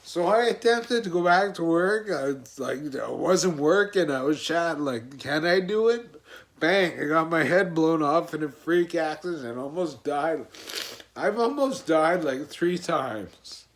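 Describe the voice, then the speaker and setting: A man's voice: a little high, expressive, unhurried. A man in a casual video blog, venting about his day in a profane, rambling, heated way. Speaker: vlogger.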